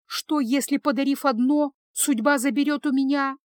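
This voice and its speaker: A frightened wife near forty in a storybook reading, her voice lifting higher and tight with worry, as a woman narrator puts her on. She pleads in a tense, breathless way. The sound is dry and close. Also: fairly even intonation, normal speed, dry recording, lightly acted. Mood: anxious pleading. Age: 30s. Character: anxious woman near forty, tearful and fearful. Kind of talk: audiobook character voice.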